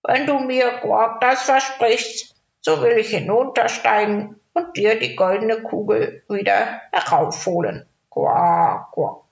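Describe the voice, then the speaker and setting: Storybook frog, gravelly and slow, croaks between lines; a woman reads it. Roomy, dull lo-fi take. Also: a little high, voice pushed up. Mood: bargaining. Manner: drawn-out, croaks between phrases. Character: croaking male frog in a well, pleading, bargaining. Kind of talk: storybook reading.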